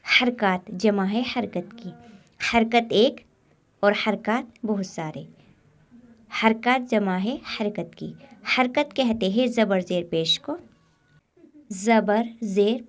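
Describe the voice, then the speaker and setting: A woman, teaching a Quran recitation lesson step by step and sounding out syllables slowly. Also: medium pitch. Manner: slow, drawn-out demonstration of letter sounds.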